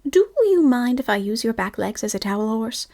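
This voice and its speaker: A woman voicing a fussy, self-important male rabbit in whispered role-play, brisk and prim. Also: on the high side, expressive, vocal fry, darkish tone. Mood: cheerful.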